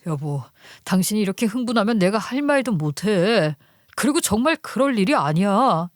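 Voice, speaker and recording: A woman voicing a calm husband who pleads softly with his angry wife. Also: normal speed, dry recording, studio quality, lightly acted. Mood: pleading. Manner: soft, placating, low-voiced. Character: calm pleading husband hiding a family secret. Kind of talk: storytelling radio drama reading.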